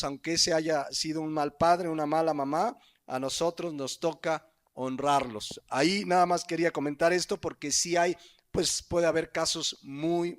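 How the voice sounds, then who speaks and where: A pastor with a Mexican Spanish accent preaching a sermon. His voice sits high for a man, and he teaches in a conversational way, turning often to the listeners with rhetorical questions.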